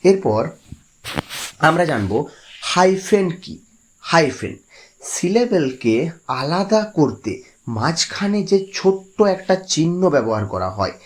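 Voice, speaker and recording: A man teaching a grammar lesson, explaining patiently and drawing out example words slowly. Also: medium pitch.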